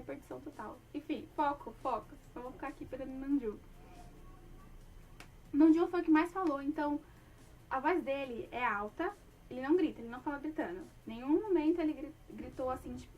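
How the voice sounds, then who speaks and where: A young woman talks in a high voice as a fan, gushing and rambling from one point to the next. She fills her talk with many fillers. The mic sits a little away from her. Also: distant mic, slight background noise. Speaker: fan talking about a band. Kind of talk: casual chat.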